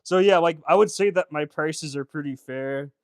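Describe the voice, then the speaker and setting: Guy rambling on a stream, lots of likes and uhs, bit high voice, dry sound. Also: normal speed, no echo. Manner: rambling, lots of fillers and restarts; chatty, answers viewer comments. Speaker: fashion designer streamer. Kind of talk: casual livestream chat.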